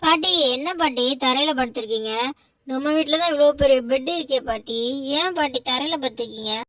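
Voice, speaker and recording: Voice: sits high, fairly quick, fairly bright tone, recorded from a distance. A performer voicing a young boy in a doll vlog, apologetic and eager to help. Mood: puzzled. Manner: pleading, repetitive, childlike.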